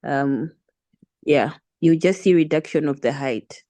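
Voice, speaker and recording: A woman from Malawi, a student answering hesitantly in an online tutorial, with many pauses. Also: deep voice, dark tone, no room sound. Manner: hesitant, many ums, laughs nervously.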